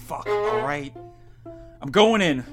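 A woman's voice: on the low side, animated, takes it slowly, music in the background. A woman playing a brash, profane, sarcastic young male detective.

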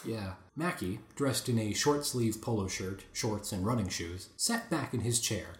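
A man hosting a podcast, reading an article aloud in a casual chat with lively asides. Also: fairly low pitch, measured pace, a little hiss or hum. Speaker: podcast host. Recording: roomy echoey room.

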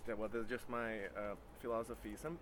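A man from the Czech Republic with a Czech accent, answering interview questions casually in a halting, rambling way as he searches for words. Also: lowish voice, flat delivery. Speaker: interviewee, photographer. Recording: noisy outdoor urban traffic background.

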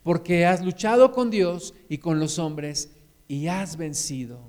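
A man's voice: a little high, a little mellow, voice pushed down. A man preaching voices a divine being who gives solemn pronouncements. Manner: slow, solemn, grave pronouncement. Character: solemn divine male being, God's angel.

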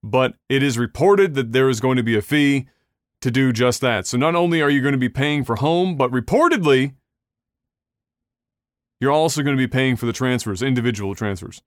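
A man's voice: mid-range voice, moderate pace, dry recording, studio quality. A man hosting a casual gaming podcast, rambling through news with restarts and casual swearing. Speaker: podcast host.

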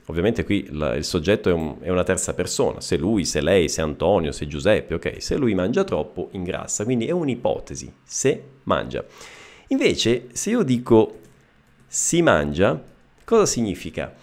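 Male teacher, video lesson; animated delivery, a gravelly edge, keeps checking the viewers follow. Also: sits low. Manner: lively explaining, checks with frequent "ok?". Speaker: Italian teacher.

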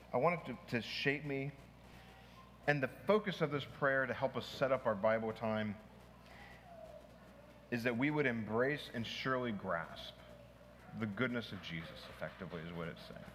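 A man's voice: mid-range voice, fairly bright tone. A male pastor teaching a small church group in an informal, conversational way, with restarts, asides and questions to the group. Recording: long hall reverb, faint noise.

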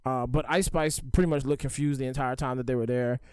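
A man's voice: mid-range voice, steady tone, fast talker, a little mellow, clean tone, no room sound, clean studio sound. A man chatting informally and candidly as a podcast host. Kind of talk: casual podcast chat.

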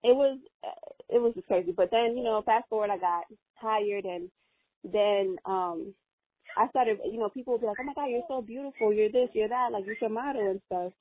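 Her pitch sits in the mid range and she keeps a moderate pace. This young Spanish-speaking woman is a guest in an interview, speaking sincerely but loosely, full of filler words. The sound is dry and thin, much like a phone call.

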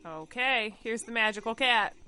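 A woman giving casual running commentary while watching a movie, animated and quick to laugh. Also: a little high, clean tone.

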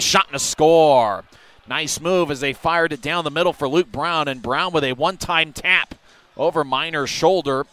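A man giving rapid hockey play-by-play commentary as a game commentator, ready to burst into shouts on big chances. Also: a little high.

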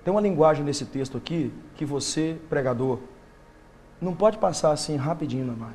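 A male preacher, delivering an impassioned sermon that swings from loud bursts to hushed intensity. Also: a little high, expressive, brisk, slight background noise.

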